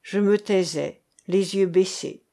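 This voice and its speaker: Woman audiobook reader, slow and measured literary narration. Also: mid-range voice, warm tone. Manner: measured, unhurried reading.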